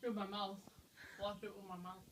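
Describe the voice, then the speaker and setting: A woman's voice: medium pitch, little pitch movement, normal speed, fairly bright tone. A young woman chatting casually as she hosts a challenge, her speech thick and sticky with a mouth full of peanut butter. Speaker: host of a challenge video. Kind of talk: casual chat. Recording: noisy room, distant microphone.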